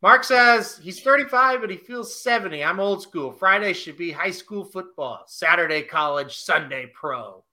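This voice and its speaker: A man voicing a grumpy, old-school old man and drawing his words out slowly. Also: sits high, lively intonation, sharp tone, pitched above the performer's own voice, full character voice. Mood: grumbling.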